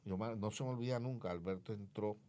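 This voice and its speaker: A man's voice: fairly low pitch, fast talker, mellow, a little hiss or hum. A man telling his personal testimony as an interview guest, vividly acting out remembered dialogue. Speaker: guest sharing his life story.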